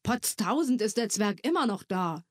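A woman's voice: medium pitch, lively intonation, normal speed, dry recording, studio quality, pitched above the performer's own voice, close to an everyday voice. A woman reading a story aloud, voicing a grumpy, busy father who scolds curtly. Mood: scolding. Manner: gruff, scolding, curt.

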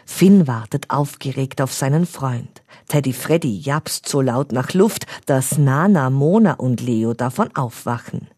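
A woman narrates a children's story in an expressive way, in a low voice that moves a lot in pitch. She reads slowly with a husky grain. The recording is dry and close. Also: no room sound. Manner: expressive, does character voices.

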